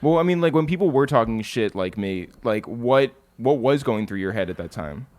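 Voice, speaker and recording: Jokey self-deprecating podcast co-host. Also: male voice, mid-range voice, animated, normal speed, a little mellow. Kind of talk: casual podcast interview.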